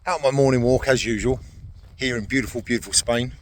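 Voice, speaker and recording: A man's voice: medium pitch, a little fast. A British man from the UK giving a chatty, blunt and wry vlog talk while out on a morning walk outdoors. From United Kingdom. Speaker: vlogger, veteran. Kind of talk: casual talking-to-camera vlog.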